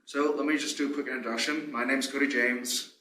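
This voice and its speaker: A man's voice: mid-range voice, fairly even intonation, quick pace, sharp tone. A young man giving an informal instructional presentation as a library fellow, his voice muffled by a face mask. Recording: roomy, distant mic, faint noise, mask-muffled.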